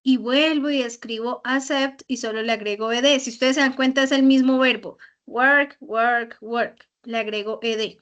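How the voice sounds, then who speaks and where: A woman's voice: high-pitched, fairly even intonation, moderate pace, few pauses. A woman teaching English grammar in an online class, explaining patiently with many repeated examples. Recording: slightly dull lo-fi audio.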